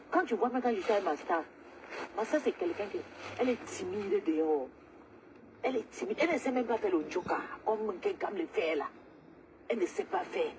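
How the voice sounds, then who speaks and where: A woman's voice: medium pitch, noisy background. A woman, ranting angrily and repetitively during a live stream. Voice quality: agitated, loud, repetitive ranting. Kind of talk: angry social media livestream rant.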